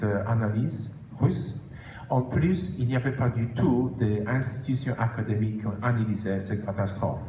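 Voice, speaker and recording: A man with a foreign, non-native accent in French gives an explanatory presentation as an author, haltingly, correcting himself and stressing key words. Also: fairly low pitch, mellow. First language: not French. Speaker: author presenting own book. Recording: roomy echo with faint background noise.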